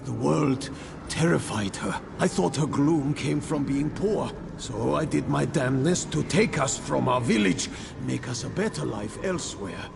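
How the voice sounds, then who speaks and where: A man voicing a tormented, remorseful ghost of a squire in a video game, pleading and halting with a gravelly voice. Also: medium pitch, lively intonation. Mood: sorrowful. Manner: anguished, halting, pleading delivery. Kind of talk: dramatic video game voice acting. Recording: long ghostly reverb, noisy ambience.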